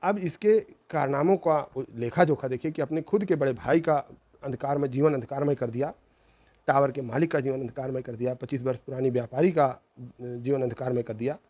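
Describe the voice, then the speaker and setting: Earnest storytelling man, mellow voice. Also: medium pitch, a little fast. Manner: earnest, reproachful, with repetitions. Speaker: channel host. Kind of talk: moralizing storytelling.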